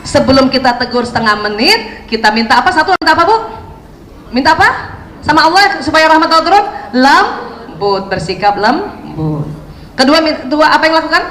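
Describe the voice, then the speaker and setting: Her voice is high-pitched and a bit bright as this Islamic parenting speaker lectures women on religion, putting questions to the audience and acting out prayers and quotes. The recording comes from an echoey hall with faint noise in the background.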